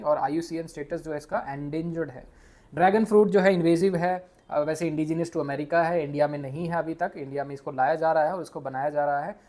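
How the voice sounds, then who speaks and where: A man from India with an Indian accent, teaching a quick exam revision lesson, mixing English into his speech and stumbling over hard names. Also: a little high, a little mellow. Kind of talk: casual exam revision lecture.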